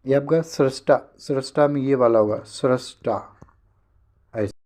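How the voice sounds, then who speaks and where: A man teaching a spelling lesson for an exam, briskly repeating each word to correct it. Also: mid-range voice, warm tone.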